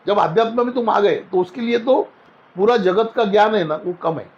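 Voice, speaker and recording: A man's voice: high-pitched, moderate pace, darkish tone, lo-fi sound, slight background noise. A man as a spiritual guest, telling homely anecdotes in a casual interview and acting out the voices in them. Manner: anecdotal, folksy, acts out quoted voices.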